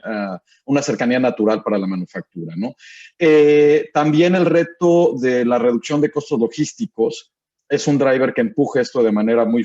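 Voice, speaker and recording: A man's voice: medium pitch, mellow. A man giving a guest presentation in an online webinar, asking rhetorical questions as he walks through slides. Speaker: guest speaker. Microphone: video call. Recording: dull lo-fi call audio.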